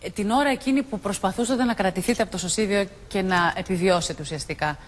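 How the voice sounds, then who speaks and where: Tv host, studio interview, brief prompting questions, mid-pitched voice. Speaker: TV show host.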